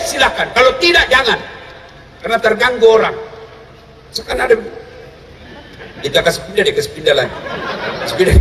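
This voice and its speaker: A man preaching a humorous sermon to a crowd, telling stories with shouted punchlines and frequent laughter. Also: very high-pitched. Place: large hall with an audience. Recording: echoey hall, voice from far off, crowd noise.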